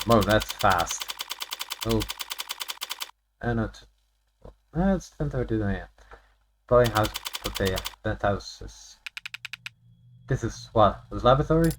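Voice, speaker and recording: A man with a fairly low, animated voice reads a visual novel aloud on a live stream, with game music and a noisy background behind him. He reads haltingly, stumbling, repeating and rereading lines, and drops offhand, off-script asides.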